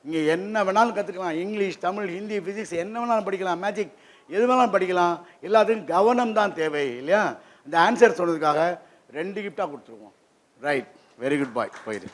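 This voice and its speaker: High-voiced man quizzing children. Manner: lively, keeps quizzing the audience with quick questions. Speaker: guest presenter at a children's program. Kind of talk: interactive lesson for children. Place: children's hall of a public library.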